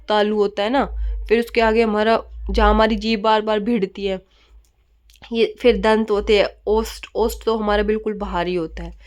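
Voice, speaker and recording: A woman's voice: medium pitch, darkish tone. A woman teacher giving a grammar lesson, often asking questions and answering them herself and mixing in English words.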